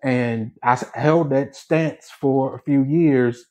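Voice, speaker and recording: A man on a podcast telling a relaxed, self-mocking story. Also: medium pitch, slow pace. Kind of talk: casual storytelling.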